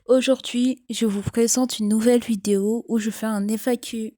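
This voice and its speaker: A woman's voice: a little high, fairly even intonation, moderate pace, warm tone. A young woman with a sleepy morning voice, chatting casually and a little hesitantly in an FAQ vlog. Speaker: train enthusiast vlogger.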